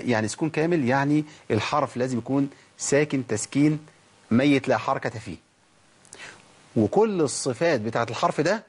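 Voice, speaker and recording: Husky fast-talking Egyptian tajweed teacher. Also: male voice, mid-range voice. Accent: Egyptian Arabic. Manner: demonstrates letter sounds slowly, asks questions and answers them himself. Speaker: Quran recitation teacher. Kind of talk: Egyptian Arabic tajweed lesson.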